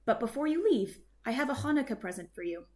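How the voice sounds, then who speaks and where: A woman's voice: a little high, animated, fast, darkish tone, voice pushed up, natural voice. A woman voicing a kindly, chatty old woman who fusses over her guest in a children's storybook. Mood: gently fussing. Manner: hospitable, fussing, exclaiming. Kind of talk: children's storybook read-aloud.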